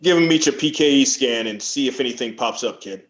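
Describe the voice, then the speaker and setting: A gruff veteran ghost hunter, read by a man who barks short orders at green recruits. He has a mid-range voice and sounds as if he is in a roomy, echoing space, reading a script aloud. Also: mid-range voice, brisk, fairly bright tone, close to an everyday voice. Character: veteran male Ghostbuster, gruff, takes charge.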